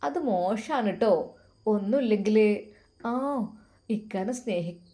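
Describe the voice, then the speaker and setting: A woman voicing a sly, scheming young woman in a high, chirpy, needling voice. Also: unhurried, mellow, natural voice.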